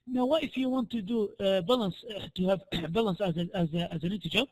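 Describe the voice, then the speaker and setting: A male lecturer with a high-pitched voice that sounds hoarse and tired from use. He explains worked examples step by step, haltingly, often doubling back to repeat or restart a phrase. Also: rough recording. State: hoarse, voice worn out from a previous lecture. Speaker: programming lecturer.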